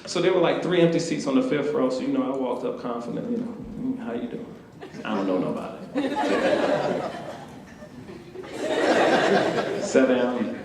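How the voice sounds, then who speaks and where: A man from Atlanta with a Southern US accent, an author telling a lively, humorous story to students and talking straight to the audience. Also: mid-range voice, unhurried, long pauses, background noise. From Atlanta, Georgia, US. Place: university event hall. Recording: echoey lecture hall.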